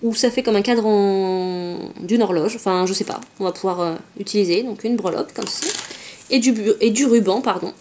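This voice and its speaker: A woman's voice: medium pitch, normal speed, a little mellow, slight background noise. A woman vlogger chatting casually as she unboxes craft supplies at home, often saying euh and hop. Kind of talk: casual unboxing show-and-tell.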